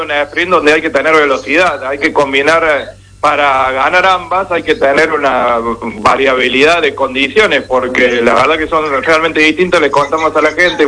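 A man's voice: on the high side, pushed and bright, rough recording. A man with an Argentine Spanish accent, a radio journalist explaining a sport to listeners. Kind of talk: radio commentary.

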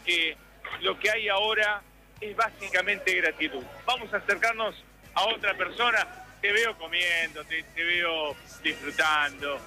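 A man reporting live for radio from a crowded city square, asking passers-by quick questions. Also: high voice, pushed and bright, rough recording. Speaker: street reporter.

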